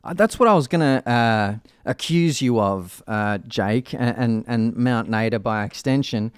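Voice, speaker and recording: A man hosting a casual music interview, with halting, meandering phrasing and jokey, mock-grand wording. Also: mid-range voice, animated, clean tone, dry recording, clean studio sound. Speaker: radio show host.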